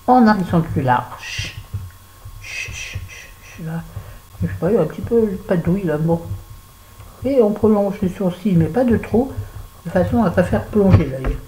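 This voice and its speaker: A woman's voice: lowish voice, mellow, a little hiss or hum, rough recording. A French woman chatting casually through a make-up tutorial, talking to viewers and to herself as she works. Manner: chatty, talks to herself while working. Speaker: beauty vlogger.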